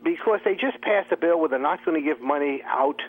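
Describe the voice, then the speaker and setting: A man's voice: a little high, lively intonation, fairly quick. A man hosting a talk radio show, riffing sarcastically in a comic monologue and laughing at his own jokes. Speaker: radio host. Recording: tinny phone-like radio audio.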